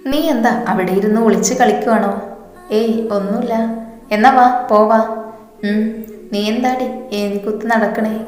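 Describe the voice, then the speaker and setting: A woman reading a romance story aloud in a colloquial way, voicing every character herself. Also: mid-range voice. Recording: roomy echo with long reverb.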